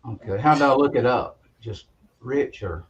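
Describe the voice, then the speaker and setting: A man's voice: medium pitch, moderate pace, dull audio. A plainspoken, folksy man on a live-stream voice chat, new to streaming and chatting casually. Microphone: online voice chat.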